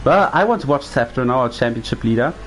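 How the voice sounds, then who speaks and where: A man whose first language is German leads an English sim racing commentary, chatting and steering the talk by asking his co-host questions. His medium-pitched voice is fast with lively intonation. There is slight background noise and faint music behind him.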